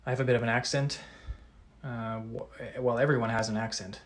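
At a moderate pace and medium pitch, a thirty-something Canadian painter casually responds to live-chat questions. He reasons aloud, dropping many ums and restarting often, yet enunciates some words with care.

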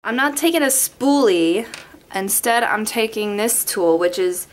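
Expressive and a little slow, this young woman's voice is on the high side. She's a Las Vegas beauty vlogger chatting and rambling through a makeup tutorial, filmed by a front-facing webcam in her home bedroom.

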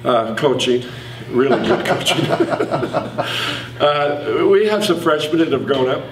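A man in his sixties, a basketball coach, answering press conference questions in an easygoing, chuckling way with many filler pauses. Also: medium pitch, lively intonation, noisy background. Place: indoor press conference room. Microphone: table mic from a distance. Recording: echoey room, distant mic.

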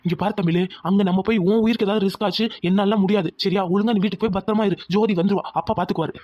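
A young husband, played by a man in a village cartoon, firm but caring. He talks fast and reassuringly. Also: high-pitched, steady tone, lo-fi sound.

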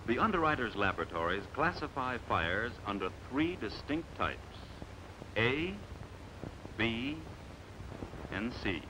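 Over a noisy vintage soundtrack, an American man narrates a scripted 1950s training film. His mid-range voice has a sing-song quality, while his delivery stays measured, authoritative, and emphatic.

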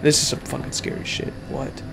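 A man's voice: brisk, noisy background. A young man streaming a horror game in casual commentary, scared and jumpy, muttering and swearing often as he reacts. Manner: frequent swearing. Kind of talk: casual let's play commentary. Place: indoor room at home, webcam view. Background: game music.

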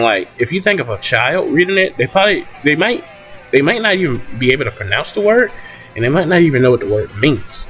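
A young man whispering hesitantly to his viewers at home at night, with lots of restarts and fillers, so he won't wake family next door. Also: medium pitch. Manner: whispering softly. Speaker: channel host. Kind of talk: casual talk to viewers.

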